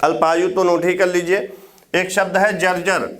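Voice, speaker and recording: High-voiced male grammar teacher. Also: level tone, moderate pace, a bit bright. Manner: explains step by step with tag questions; repeats key words for dictation. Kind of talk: exam prep lecture.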